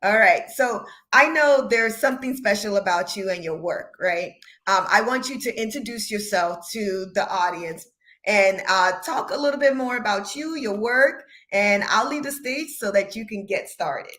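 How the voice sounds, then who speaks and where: A woman's voice: medium pitch, lively intonation, moderate pace, fairly bright tone. A woman hosting an online conference stream, introducing a guest with many hesitant fillers. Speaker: event host.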